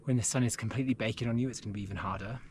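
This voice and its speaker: A man's voice: on the low side, fairly even intonation, racing, a little mellow. Give me a man chatting loosely on the move outdoors, out of breath, with faint noise behind. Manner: chatty, loose with fillers, talks while walking. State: out of breath on climbs. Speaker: hiking vlogger. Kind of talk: casual chat while hiking. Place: mountain trail outdoors.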